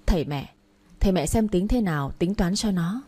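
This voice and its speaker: A woman reading the part of a shrewd, protective elder sister-in-law who speaks in a brisk, bossy way. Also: on the low side, lively intonation, dark tone, breathy edge. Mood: urgent.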